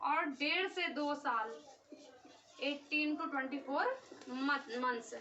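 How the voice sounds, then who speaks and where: A young woman teaching an exam-prep lesson, her voice very high and bright. She goes through the material step by step and keeps checking that the students follow. The sound is dull and heard from a little way off the mic. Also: animated, takes it slowly, slight background noise. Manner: explains step by step, often checks with "ठीक है". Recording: dull, slightly distant recording.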